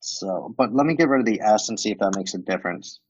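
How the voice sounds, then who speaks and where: This is a fairly low, husky male voice, animated and quick, captured with lo-fi sound. He's a guest expert on a podcast showing off software, speaking with a mix of American and Romanian accents. His explanations of what he sees on screen are loose and casual, packed with "like" and "um."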